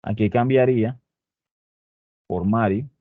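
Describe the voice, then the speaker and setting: A man teaches a spreadsheet lesson, explaining each step and stopping often to check that his students are following. His voice sits on the low side. The sound is tinny and dry, like a phone line with no room around it. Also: takes it slowly, dry recording. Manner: explains step by step, with frequent "¿ok?" and "muchachos" check-ins. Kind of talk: spreadsheet tutorial.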